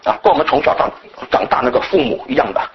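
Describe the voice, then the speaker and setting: A middle-aged man from mainland China preaching a sermon, animated and mimicking scolding elders. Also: high voice, quick pace, gravelly, muffled recording, slight background noise. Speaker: pastor.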